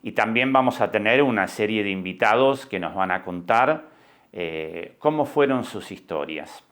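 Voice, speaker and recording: A man in his sixties with an Argentine accent, hosting a podcast and telling his own story in a reflective way, with many pauses and hesitations. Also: lowish voice, lively intonation, a bit bright. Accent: Argentine Spanish. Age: 60s. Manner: slow, reflective, with frequent hesitations. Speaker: podcast host and documentary director. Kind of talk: personal podcast monologue.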